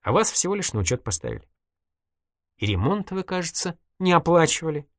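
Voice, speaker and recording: A man's voice: a little high, sing-song, fairly quick, dry recording, clean studio sound, pitched above the performer's own voice. A reader voicing an evasive, wisecracking male journalist in an audiobook, ironic and mock-innocent. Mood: wry. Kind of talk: audiobook character voice.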